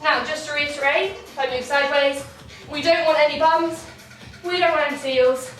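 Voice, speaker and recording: A breathless woman leads an online dance warm-up class, encouraging everyone and counting beats aloud. Her voice sits high, fairly bright, with steady tone and normal speed; the room is echoey, she is distant from the mic, and faint music plays.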